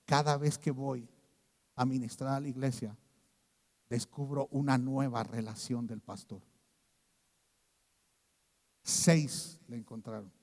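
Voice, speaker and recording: A man preaching a sermon as pastor, telling a story and swinging from hushed to loud, emphatic moments. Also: mid-range voice, fairly even intonation, slow, pauses often, long reverb tail. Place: church.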